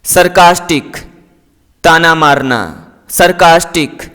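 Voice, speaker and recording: Male English teacher, high voice, unhurried, patient word-by-word drill, echoey room. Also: a bit bright. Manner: repeats each word and its meaning twice, patient and explanatory. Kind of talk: slow vocabulary drill lesson.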